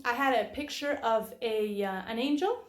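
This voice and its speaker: A woman shares her faith stories in a loose, conversational way. She often stops and restarts her sentences. Her voice sits a little high, and the room adds a noticeable echo. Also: normal speed. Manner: rambling storytelling with many restarts. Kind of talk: casual personal testimony. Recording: roomy echo.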